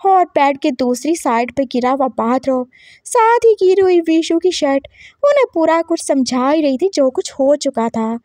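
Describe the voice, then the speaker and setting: A woman narrates a story with a high, bright voice and a dramatic, animated delivery. The sound is dry and close, with no room echo.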